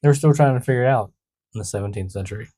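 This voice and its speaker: A man's voice: medium pitch, racing, dark tone, no echo, clean studio sound. A man co-hosting a casual podcast, explaining the topic with laughs and playful jokes. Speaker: podcast co-host.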